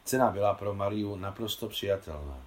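A man with a very low voice reads a novel aloud. His narration is calm and measured, unhurried from line to line. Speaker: translator reading his own translation. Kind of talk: audiobook narration.

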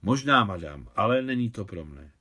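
A man's voice: lowish voice, very animated, bright, forceful tone, breathy edge, heavily acted. A man reading the lines of a proud, tense young woman in a novel, polite and pleading.

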